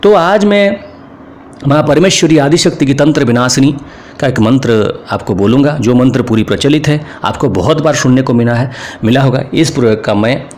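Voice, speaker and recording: A man's voice: medium pitch, normal speed, darkish tone. A man with an Indian accent, a spiritual teacher, giving an earnest, informal spoken lesson to camera and often repeating himself. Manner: earnest, repetitive, mixes English words into speech.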